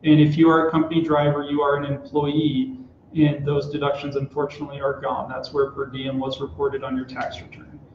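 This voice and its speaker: A man in his thirties, a tax expert, explains tax rules steadily during a live company broadcast, interviewed in a small office room and saying "uh" often. His medium-pitched voice is completely flat and a little fast. The office recording sounds roomy and dull, with a little hiss or hum.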